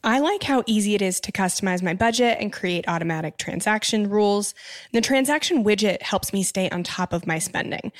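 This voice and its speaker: A woman giving a scripted testimonial for an advertisement in an even, conversational read. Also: mid-range voice, a little fast. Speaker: ad testimonial speaker.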